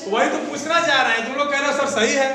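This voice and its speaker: A man's voice: extremely high pitch, fairly even intonation, very fast, a crowd in the background. A male teacher lecturing a class, often checking whether his students follow and calling them fondly as children. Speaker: Hindi teacher. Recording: very echoey room, faint background noise.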